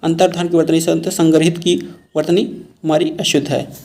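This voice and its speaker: Male Hindi teacher, raised gravelly voice, repeats each word while explaining spelling for exam prep. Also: on the high side, level tone, a little fast, a little mellow. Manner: explains word by word, repeats terms, calls viewers "friends".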